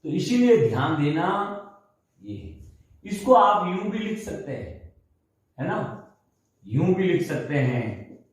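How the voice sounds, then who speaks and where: A man's voice: a little high, big pitch swings, takes it slowly, pauses often. A man teaching Hindi grammar in a classroom lecture, reciting letter lists, drawing out words to stress pronunciation and quizzing students with call-and-response questions. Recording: very echoey room.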